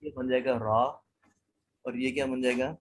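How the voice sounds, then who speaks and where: A man's voice: medium pitch, fairly even intonation, noisy background. A man lecturing a class, quizzing students and mixing in English words. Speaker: Arabic teacher.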